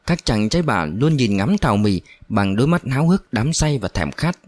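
A man narrating a storybook in a steady, unhurried way. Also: mid-range voice, no room sound.

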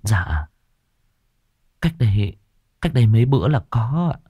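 A man voicing a timid young female servant in a ghost story, soft-spoken and hesitant. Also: mid-range voice, very animated, unhurried, breathy edge, no echo, clean studio sound.

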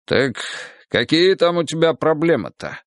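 Brash rich buddy, high and swinging, a man doing the voice for an audiobook. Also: big pitch swings, moderate pace, no room sound. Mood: boisterous. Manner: hearty, pushy, higher and louder than the narration. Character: boisterous rich middle-aged man, brash friend.

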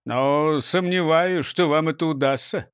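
A man's voice: a little high, measured pace, smooth, no room sound, studio quality, natural voice. A man voicing a muttering, candy-loving police prosecutor in a children's story. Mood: musing. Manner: muttering, grumbling. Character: sweet-toothed grumbling police prosecutor. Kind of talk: audiobook character voice.

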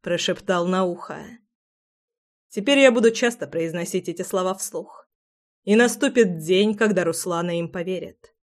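A woman reads a romance audiobook in a soft, intimate voice, taking her time over the lines. Her pitch sits in the middle of the range, and the delivery stays gentle and close. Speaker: audiobook narrator. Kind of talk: audiobook narration.

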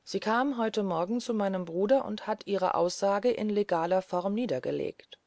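A woman reading aloud voices a grave, courteous gentleman who speaks in a measured, solemn way. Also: mid-range voice, no room sound, natural voice.

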